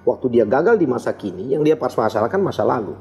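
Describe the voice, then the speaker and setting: Animated man telling his story. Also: medium pitch, quick pace, faint music behind. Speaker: interview guest. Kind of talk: emotional personal storytelling.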